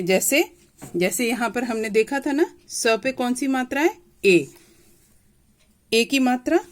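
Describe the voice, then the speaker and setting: Lively-voiced patient woman teacher. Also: fairly high pitch. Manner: patient, repeats and explains, asks questions. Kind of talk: grade-school grammar lesson.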